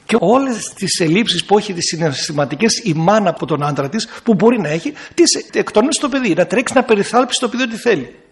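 A middle-aged man, an Orthodox priest, teaches a small group in a talky sermon. His voice sits high and has a gravelly rasp. He slips into quick impressions of the people he describes. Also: lively intonation. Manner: teaching, acts out people in quoted bits. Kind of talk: talk to a group with questions.

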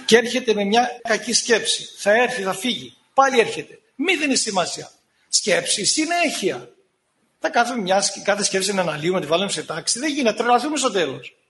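A man preaching a sermon in an animated way, sometimes scolding and acting out the voices he quotes. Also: sits high.

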